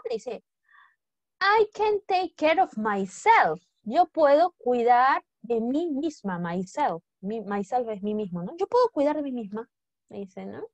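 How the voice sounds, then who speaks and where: A woman's voice: medium pitch, darkish tone, no echo. A woman teaching an English lesson, coaxing students with constant questions and repetition. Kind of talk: classroom lesson explanation.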